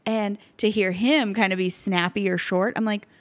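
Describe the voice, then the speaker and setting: A woman's voice: mid-range voice, steady tone, normal speed. A woman in her thirties co-hosting a podcast, talking casually and reflectively, often trailing off and restarting. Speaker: podcast co-host. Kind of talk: casual chat.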